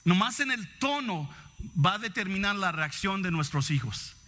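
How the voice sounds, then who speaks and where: Male preacher, high, sharp-toned voice, reflective, poses questions to the flock. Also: sing-song, moderate pace. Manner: reflective, asks the congregation questions. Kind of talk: sermon.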